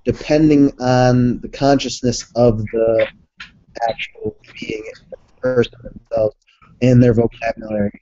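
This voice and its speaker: A young man chatting casually, rambling, animated and swearing. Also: mid-range voice, no echo. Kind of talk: casual chat. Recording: dull, dry lo-fi recording.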